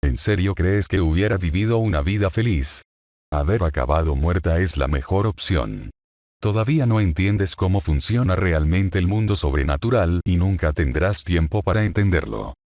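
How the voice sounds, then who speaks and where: A man's voice: low-pitched, animated, normal speed, darkish tone, no room sound, clean studio sound. A mocking female fallen angel, read by a man. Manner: mocking, gloating. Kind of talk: fan story reading.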